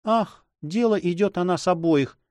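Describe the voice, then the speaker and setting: A man reading an audiobook, voicing an anxious, tender young woman who speaks softly and hesitantly. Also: sits high, a little slow, no echo, pitched above the performer's own voice. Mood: fearful. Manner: soft, fearful and hesitant.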